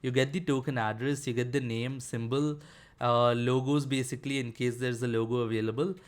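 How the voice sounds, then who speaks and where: A man talks through a software tutorial at an ordinary mid pitch. His delivery is relaxed and conversational, with lots of small fillers and restarts as he clicks through a demo. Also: fairly quick. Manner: casual, filler-heavy explaining with frequent "uh" and "basically". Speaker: developer tutorial presenter. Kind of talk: screen-share coding tutorial.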